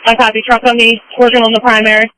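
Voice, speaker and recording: Rapid, high-pitched male incident commander on radio. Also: monotone, pushed and bright, a little hiss or hum, low-quality recording. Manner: terse, procedural, directive. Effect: two-way radio. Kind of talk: emergency radio dispatch traffic, giving orders. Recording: dry, radio transmission.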